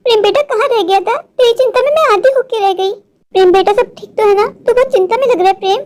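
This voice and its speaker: Woman playing an old mother-in-law, cartoon, sharp-tongued, scolding, very high voice. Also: fast. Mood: worried. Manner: scolding, fretful. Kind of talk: animated Hindi cartoon voice acting.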